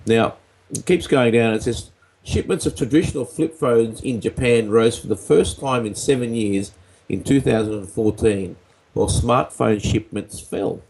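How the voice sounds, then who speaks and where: A man's voice: normal speed, darkish tone, a little hiss or hum, low-quality recording. An Australian man reading a news item aloud in a put-on, mock-grand old-time radio announcer voice. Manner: mock-grand, higher-pitched announcer delivery. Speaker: podcast co-host.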